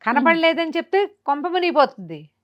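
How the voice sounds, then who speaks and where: An extremely high-pitched, sing-song female voice tells a folk tale at a brisk clip, in a Telugu accent. She chats her way through the story and performs the characters' speech expressively, on dull-sounding audio.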